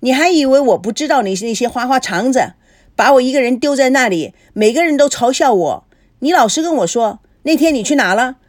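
A jealous, hot-tempered wife who scolds in a shrill, raised voice, played by a woman narrating the story. Her pitch leaps around, recorded dry and close. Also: sing-song, normal speed, dry recording. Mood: furious.

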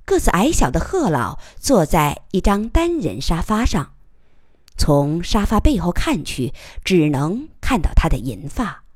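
A woman narrating a novel in measured storytelling. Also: on the low side, darkish tone, breathy edge, no echo, studio quality. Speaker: audiobook narrator.

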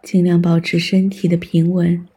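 A meditation guide giving scripted mindfulness instructions in a calm, soothing manner with long pauses between phrases. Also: mid-range voice, breathy edge.

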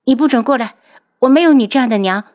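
A woman voicing a scornful young man of a royal house who shouts bitter accusations at his mother. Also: a little slow. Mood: bitter, furious. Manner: shrill, accusing, furious.

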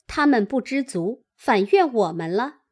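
A woman reading the lines of a scornful, sharp-tongued young actress girl. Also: a little high, expressive, unhurried.

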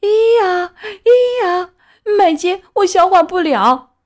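A woman voicing a wooden puppet boy turned into a miserable donkey, with high wailing braying cries, in a children's storybook reading. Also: expressive, slow pace, exaggerated voice.

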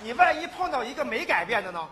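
A man performing a live comedy sketch on stage, pleading and excitable, shouting his punchlines. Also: extremely high pitch, quick pace. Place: stage before a live audience. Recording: noisy live stage with audience laughter. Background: audience laughter and hall noise.

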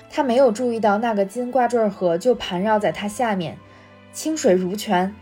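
A woman reading a storybook chapter aloud in a steady, expressive voice. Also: medium pitch. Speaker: guest reader.

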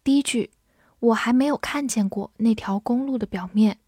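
A woman's voice: on the high side, moderate pace, warm tone, breathy edge, no room sound, clean studio sound. A woman teaching English vocabulary, saying each word twice and then giving its meanings, in scripted lesson narration.

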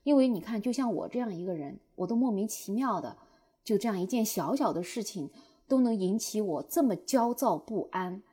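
A young woman telling viewers a personal story in a lively way, acting out her own past outbursts. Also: medium pitch, normal speed, husky. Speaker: short-video creator.

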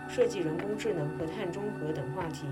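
Woman, podcast host, lowish voice, reading scripted intros. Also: fairly quick, loud music behind the voice. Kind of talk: podcast hosting.

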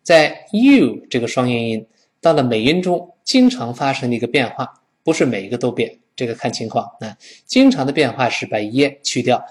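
A man teaching English pronunciation with a Mandarin Chinese accent, modelling sounds in a lively, demonstrative way. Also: mid-range voice, normal speed. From China. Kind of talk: recorded language lesson.

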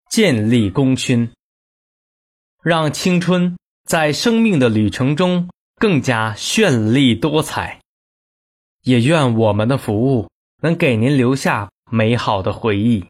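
Guy reading airline cabin announcements, real slow and formal, steady mid voice. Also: mid-range voice. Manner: formal, measured announcer delivery. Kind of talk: reading scripted in-flight announcements.

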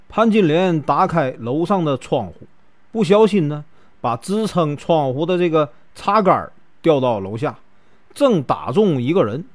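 A man from Northeast China, narrating a classic tale in a folksy, chatty way with drawn-out particles. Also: a little high. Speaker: storyteller.

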